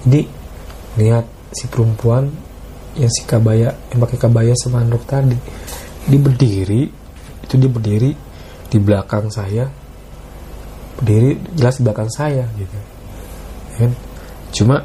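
A man's voice: mid-range voice, fairly even intonation, normal speed, pauses often, mellow, slight background noise. A man casually telling a story to a host, retelling the dialogue and often calling the listener "Bang.". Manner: Jakarta slang.

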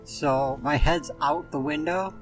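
A man's voice: fairly high pitch, slow pace, faint music behind. A man playing a tabletop game, talking in a hesitant, easygoing way. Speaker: player. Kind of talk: casual tabletop game talk.

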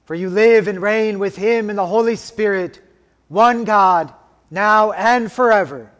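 A man chanting church liturgy as a liturgist, solemn, measured and formal, with a cathedral echo. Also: high-pitched, fairly bright tone. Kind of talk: chanted liturgy, slow and sustained. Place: large reverberant church.

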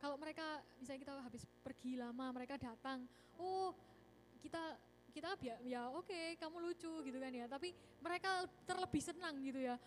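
A woman preaching a casual youth sermon in a church, chatty and animated, often calling the congregation brothers and sisters. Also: high voice, normal speed, a little hiss or hum. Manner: chatty, animated, mixes English words, often says "saudara-saudara". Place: church service.

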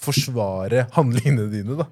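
A man's voice: mid-range voice, a little mellow, slightly rough. A man on a casual podcast with an ordinary mid-range voice. He stumbles into his sentences with hesitant restarts and teases the others between chuckles. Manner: hesitant starts, chuckles, teasing. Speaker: podcast co-host.

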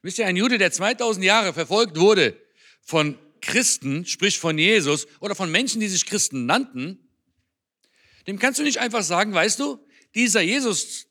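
A man's voice: high voice, sharp tone, slightly rough. A German-born man giving an earnest, conversational sermon in a church. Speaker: speaker on Israel at a church.

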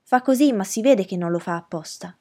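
A woman voicing an anxious, insistent young boy who speaks higher and louder than her narration. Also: expressive, a little fast. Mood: urgent. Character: urgent boy, older brother, anxious and insistent.

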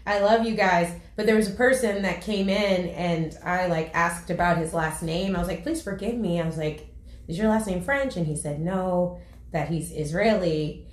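A woman's voice: on the low side, normal speed. A woman on a podcast chatting casually, telling stories with feeling and plenty of "like" fillers. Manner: emotional, animated storytelling with lots of "like". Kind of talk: casual chat. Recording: roomy, echoey sound.

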